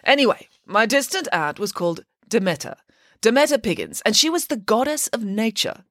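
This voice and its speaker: A woman's voice: a little high, animated, moderate pace, a bit bright, no echo, studio quality, pitched above the performer's own voice. A woman voicing a grand, vain, cake-loving female pig nanny who boasts in a theatrical way. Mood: grandly boastful.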